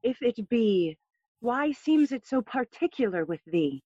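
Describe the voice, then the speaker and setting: A regal, entreating queen of middle years in a Shakespearean radio play. Her fairly high voice moves in lively, expressive sweeps with formal diction, on a dry and slightly dull recording. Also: measured pace, breathy edge, no room sound, full character voice. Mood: gently reproving. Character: regal, pleading middle-aged queen and mother. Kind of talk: bilingual Shakespearean audio play acting.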